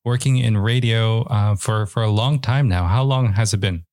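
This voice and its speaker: Low-voiced male podcast host. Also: moderate pace, a little mellow, no room sound, studio quality. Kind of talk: podcast interview.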